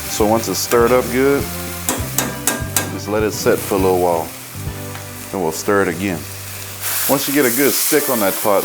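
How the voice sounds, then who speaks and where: Low-pitched Cajun man hosting cooking show. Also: low-quality recording. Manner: folksy, colloquial. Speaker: cooking show host and chef. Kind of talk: casual cooking demonstration.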